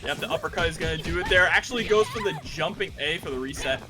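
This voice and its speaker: A man with a very high voice calls a fighting game match over music. He delivers jargon-heavy play-by-play, following the action move by move. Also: expressive, fast talker. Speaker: tournament commentator. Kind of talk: play-by-play esports commentary.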